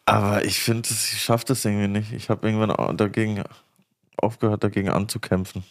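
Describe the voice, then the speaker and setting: A laid-back man with a regional Alemannic-Swabian German accent, co-hosting a casual podcast. His voice sits fairly low, and he drops in slang freely. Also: level tone, a little fast. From southwest Germany. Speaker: podcast co-host. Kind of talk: casual chat.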